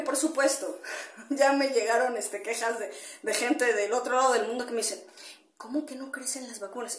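A woman's voice: high voice, roomy sound. A woman hosting a casual solo podcast, rambling with many fillers and tag questions and greeting listeners as she goes. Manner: greets listeners mid-talk. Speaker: podcast host.

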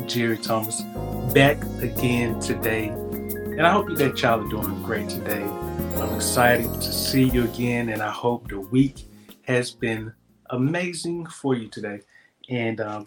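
Male devotional host, casual and encouraging, mid-pitched voice. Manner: upbeat, encouraging, loose and conversational.

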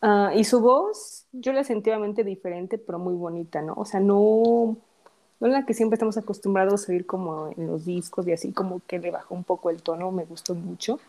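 A woman's voice: medium pitch, moderate pace, dark tone. A young woman, chatting casually as a podcast co-host, gushing and giggling as a fan. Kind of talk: casual chat.

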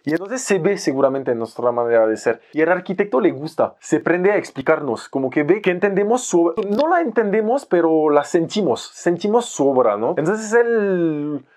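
A young man from France with a French accent, a photographer telling an animated story in a podcast conversation and mixing in Mexican slang. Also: on the high side, moderate pace, hardly any pauses. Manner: animated, playfully acts out other people's lines in raised voices, uses Mexican slang. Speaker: photographer guest.

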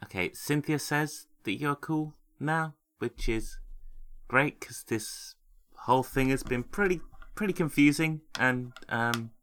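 A man's voice: mid-range voice, a little slow, a bit bright. A man playing a tabletop game, talking in a hesitant, rambling way with many fillers. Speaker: player. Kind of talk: casual tabletop role-play.

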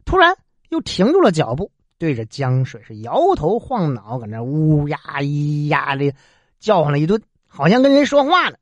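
A woman's voice: sits low, huge pitch swings, normal speed, muffled recording. A woman telling an old tale with plenty of swing in her voice, chatting with asides to the listener as she goes. The sound is dry and close, with no room echo. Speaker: storyteller. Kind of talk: traditional Chinese storytelling narration.

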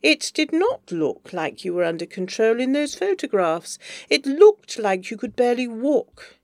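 A woman's voice: on the high side, very animated, a little slow, darkish tone, no room sound, studio quality, pitched above the performer's own voice. A woman doing a cold, prim mother. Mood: reproachful. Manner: clipped, formal, reproachful. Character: prim, cold, disapproving middle-aged mother.

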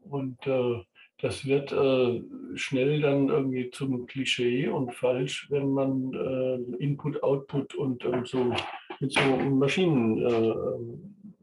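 A man hosting a podcast in a reflective conversation, speaking in a measured, hesitant way with filler sounds. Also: mid-range voice, flat delivery, a little mellow. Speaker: podcast host. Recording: roomy, distant mic, faint background noise.

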